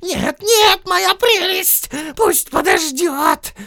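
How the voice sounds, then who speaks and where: A man voicing a wretched male creature who shrieks and hisses in a high, strained, drawn-out voice. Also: vocal fry, bright, forceful tone, no echo, studio quality, heavily acted. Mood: hissing. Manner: shrieking and hissing, drawn-out words. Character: wretched creature male, shrill, hissing, whining.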